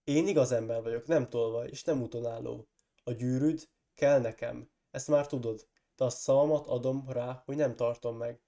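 Boromir, a forceful warrior lord, read by a hoarse man. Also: medium pitch, steady tone, natural voice. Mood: coaxing. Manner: insistent, rising to loud accusing outbursts. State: hoarse from a cold. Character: proud, forceful grown human warrior lord.

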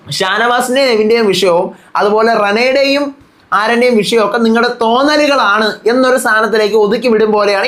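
A man's voice: high-pitched, a bit bright. A young man reviewing a reality show to camera in a heated, casual way, firing rhetorical questions at his viewers and scolding them.

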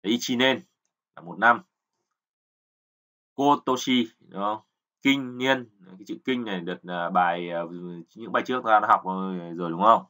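A man's voice: on the low side, normal speed, pushed and bright. A man teaching kanji, patiently explaining and repeating words, often checking with learners. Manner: keeps asking "right?" to check learners. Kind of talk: explanatory lesson.

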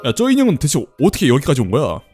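A man giving chatty, excitable commentary while playing a horror game, exclaiming often. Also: on the high side, very fast, faint music behind. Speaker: game streamer. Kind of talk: let's play commentary.

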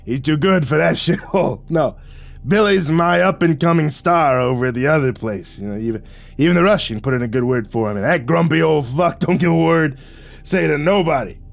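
A man voices a big, jovial, foul-mouthed gangster boss for an audiobook, talking slightly fast with a creaky, booming delivery. He sounds scornful yet chummy, leaning on street slang, and music plays behind him.

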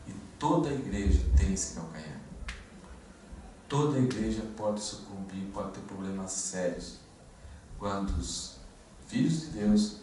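A man preaching in a conversational, storytelling manner, often pausing on fillers and restarting his sentences. He is recorded from a distance in a very echoey church hall. A faint hiss sits behind his voice. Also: low-pitched, a little mellow. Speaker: pastor. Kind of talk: expository sermon. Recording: echoey room, distant mic, faint noise.

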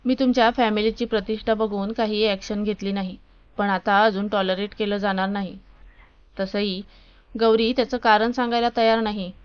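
A woman reading the lines of a strict male college principal in a loud, scolding, authoritative way. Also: mid-range voice, little pitch movement, normal speed, clean tone, lo-fi sound, natural voice. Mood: stern.

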